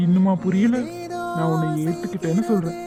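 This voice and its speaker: A man voicing a calm, secretive young village man in a cartoon, coaxing and low-key. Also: brisk, natural voice. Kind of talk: cartoon voice acting. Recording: muffled lo-fi audio with faint music.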